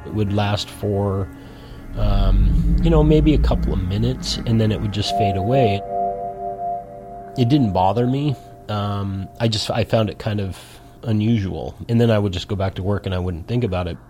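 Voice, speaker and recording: A man recounting a personal story in a casual, plainspoken way, with soft music behind. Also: lowish voice, moderate pace. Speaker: interviewee.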